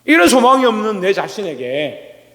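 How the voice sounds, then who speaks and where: Korean pastor preaching in an echoing church. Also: male voice, sing-song, normal speed. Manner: asks the congregation questions and answers them himself; swings between loud, rising exclamations and low asides. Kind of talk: sermon. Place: church sanctuary. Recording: long reverb of a church hall.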